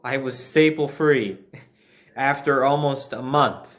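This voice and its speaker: In this clip, a man from New Jersey with an American accent tells a personal story in a casual, conversational way, adding sardonic asides. His mid-range voice is slow and has a fairly bright tone.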